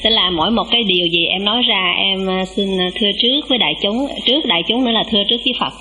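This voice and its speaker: A woman with a bright, clear voice, giving a Buddhist dharma talk as a nun. She speaks humbly and keeps asking her listeners questions. Faint noise hums behind her in the recording. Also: mid-range voice, very fast, rough recording. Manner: humble, calls herself "em", asks the listeners questions. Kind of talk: dharma talk to a monastic assembly.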